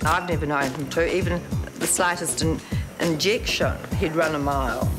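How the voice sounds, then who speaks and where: A woman's voice: low voice, moderate pace. A woman talking casually. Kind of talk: casual chat. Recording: loud music behind the voice.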